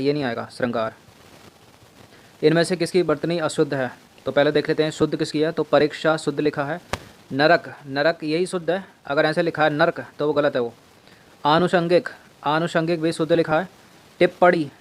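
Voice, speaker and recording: A man with a Hindi accent teaching an exam-prep lesson, quizzing students and repeating each word to drill its correct spelling. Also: fairly high pitch. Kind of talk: exam-prep lesson walking through answers.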